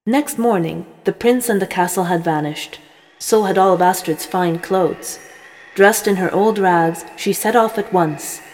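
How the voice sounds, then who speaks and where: Storybook narrator, woman, measured and expressive, reverberant room. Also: medium pitch. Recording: reverberant room, faint noise.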